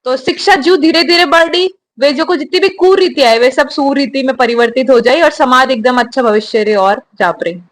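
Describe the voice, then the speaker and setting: A young woman, a new army officer, giving steady, earnest answers in an interview. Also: sits high, moderate pace, hardly any pauses, a little hiss or hum. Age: young adult.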